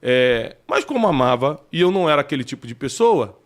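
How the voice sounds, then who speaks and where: A man in his forties with a Brazilian Portuguese accent, hosting a casual interview and telling personal stories, breaking into loud, high bursts at the punchlines. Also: very animated, brisk. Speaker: host.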